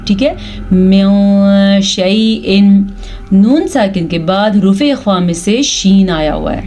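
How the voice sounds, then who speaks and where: A woman with a Pakistani Urdu accent gives a patient tajweed lesson at a middle, even pitch. She explains the rules of pronunciation step by step. Between the explanations she recites the verses slowly and carefully, stretching the sounds. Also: a little hiss or hum. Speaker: Quran tajweed teacher.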